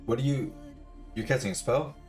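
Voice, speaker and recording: A man running a tabletop game as game master, relaxed and casual with plenty of fillers. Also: medium pitch, moderate pace, breathy edge, faint music behind. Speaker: dungeon master.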